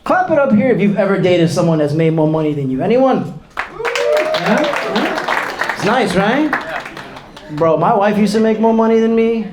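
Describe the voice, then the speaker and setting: A man's voice: high voice, sing-song, background noise. A young man performing a casual stand-up comedy set in a club, talking straight to the crowd. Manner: casual, addresses the crowd as bro, quick asides. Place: comedy club before a live audience. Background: audience laughter.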